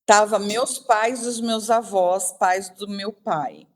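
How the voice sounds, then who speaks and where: A woman's voice: mid-range voice, steady tone, takes it slowly. Earnest Brazilian woman pastor telling a story. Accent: Brazilian Portuguese. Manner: earnest storytelling, reliving a family episode. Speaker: pastor and missionary guest. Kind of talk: personal testimony told in a live online conversation.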